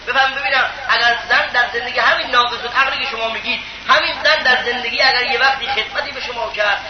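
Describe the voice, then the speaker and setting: A man preaching a sermon in a very high voice, pressing his listeners with pointed rhetorical questions. The sound is dull and lo-fi, with clear noise behind him. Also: roomy sound. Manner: emphatic, rhetorical questions to the audience.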